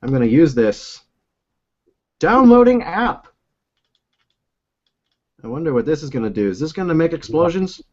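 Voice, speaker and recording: Speaking into his own desk mic from a room at home, a young man hosts a casual video call, rambling and often breaking into laughter. He talks fast and expressively in a mid-range voice with a dark tone, barely pausing, and the audio comes through muffled.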